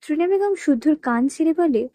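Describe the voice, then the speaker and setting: A woman narrates a romance novel in a storytelling style, her voice high, animated, warm and a little quick. She performs every character's dialogue herself with only slight changes of voice. The close, dry recording carries faint background music.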